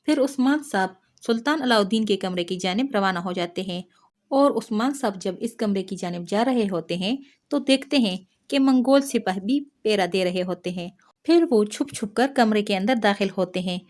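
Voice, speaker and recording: A woman recapping a TV drama episode in a steady storytelling delivery. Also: mid-range voice. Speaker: TV drama reviewer.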